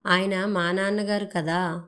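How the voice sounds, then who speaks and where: A woman's voice: medium pitch, steady tone, a little slow, close to an everyday voice. Woman reading as an irritable young husband. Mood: irritated. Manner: sharp, reproachful delivery.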